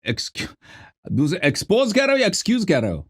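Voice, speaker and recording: A man's voice: high voice, huge pitch swings. A male host on a live call-in show, scolding and accusing a caller and cutting in over him. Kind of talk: confrontational live call-in debate.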